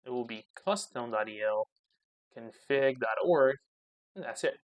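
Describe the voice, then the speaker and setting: A man's voice: mid-range voice, expressive, measured pace, no echo. Man musing aloud over a coding screencast. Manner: thinks aloud while typing, mutters commands. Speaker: channel host. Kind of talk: casual coding screencast commentary.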